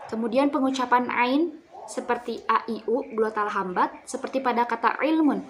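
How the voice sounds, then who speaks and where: A woman's voice: a little high, normal speed. A young woman student giving a class presentation, explaining step by step with fillers and self-corrections.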